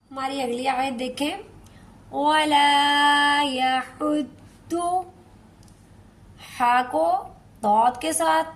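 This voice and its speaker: A woman's voice: on the high side, creaky. A woman teaching Quran recitation step by step, patiently repeating each word and drawing out the recited lines. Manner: patient, repeats words slowly, recites in a drawn-out chant. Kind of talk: slow step-by-step tajweed lesson.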